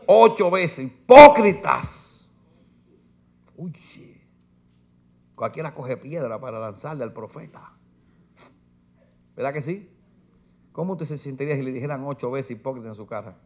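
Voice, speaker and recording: A man's voice: mid-range voice, fairly quick, long pauses, darkish tone. A man preaching a sermon in church, reading scripture aloud with force and putting rhetorical questions to his listeners. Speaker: pastor. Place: church sanctuary.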